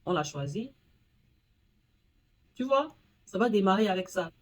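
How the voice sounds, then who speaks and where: A woman hosting a casual screen-recording tutorial, talking straight to the viewer and reading English screen text haltingly. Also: mid-range voice, animated. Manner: chatty, talks straight to the viewer. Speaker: tutorial host.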